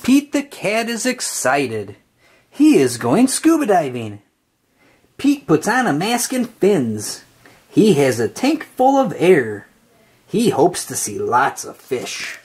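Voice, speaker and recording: A woman reads a picture book aloud to young children, slowly and expressively, lingering on every line in a sing-song storybook style. Her fairly low voice rises and falls in a lively melody with a soft, breathy edge.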